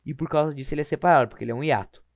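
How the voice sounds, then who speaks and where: A man explaining grammar rules over slides, informal, often slowing to spell words out and correcting himself. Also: a little high, vocal fry, dry recording. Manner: informal, repeats words slowly, self-correcting. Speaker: teacher.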